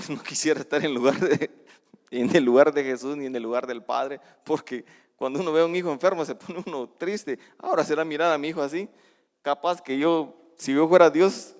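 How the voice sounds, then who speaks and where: Male preacher, fairly high voice, fervent sermon with quiet scripture readings and loud emphatic peaks, recorded with long reverb in a church hall. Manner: conversational asides with self-corrections. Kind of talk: Spanish-language sermon reading and explaining scripture. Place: church sanctuary.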